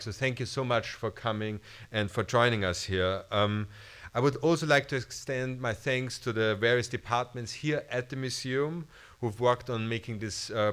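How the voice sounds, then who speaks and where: A middle-aged museum director with an Austrian German accent gives a formal welcome speech at a lectern microphone on a brightly lit auditorium stage, often restarting and hesitating. His voice is on the low side, smooth and a bit bright.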